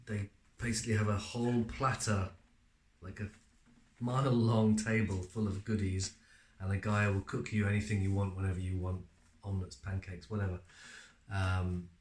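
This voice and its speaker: A relaxed man speaks in a slightly low voice, chatting casually about his acting work with plenty of fillers as he tells stories. The room gives his voice a noticeable echo. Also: normal speed. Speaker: actor being interviewed. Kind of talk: casual interview answers.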